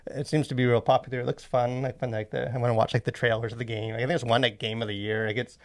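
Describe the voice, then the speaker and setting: Talking very fast in a level, medium-pitched tone, a podcast host and movie reviewer rambles loosely with lots of tangents. He's recorded close up on a boom-arm studio mic.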